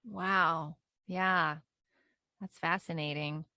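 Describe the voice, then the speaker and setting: A woman with a bright, clear-edged tone, recorded close and dry. She interviews conversationally, reacting to answers and posing questions as the host. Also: sits low, fairly even intonation, extremely slow, dry recording.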